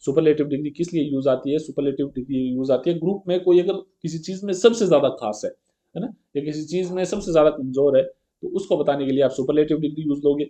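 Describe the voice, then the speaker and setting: Male teacher, fairly high voice, mellow tone, patient step-by-step exam-prep lesson. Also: steady tone. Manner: explains step by step and keeps checking with a rhetorical "है ना"; reads English example sentences slowly and carefully. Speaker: grammar teacher.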